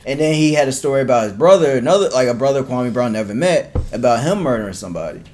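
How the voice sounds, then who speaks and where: A man from Virginia talks sports on a podcast at an everyday middle pitch. His speech is loose and rambling, full of fillers and quick restarts, in an easygoing back-and-forth with his co-host. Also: lively intonation, a little mellow. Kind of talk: casual sports chat.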